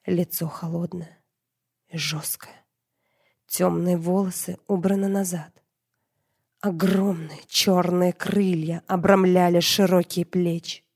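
A woman reading a dark fantasy novel as an audiobook narrator, in a measured, dramatic way. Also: lowish voice, fairly even intonation, slightly rough.

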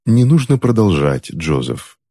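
A man voicing a cold, sardonic aunt who speaks slowly and coolly and mocks her husband. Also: sits low, very animated, creaky, mellow, no room sound, clean studio sound, heavily acted. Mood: weary. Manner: unhurried, cool, mocking. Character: cold, sardonic witch aunt reading a book. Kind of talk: audiobook character voice.

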